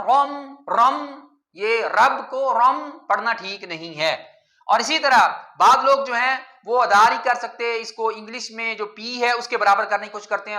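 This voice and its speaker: A man teaching a Quran pronunciation lesson, patiently repeating words slowly to contrast right and wrong recitation. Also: very high voice, sharp tone, echoey room.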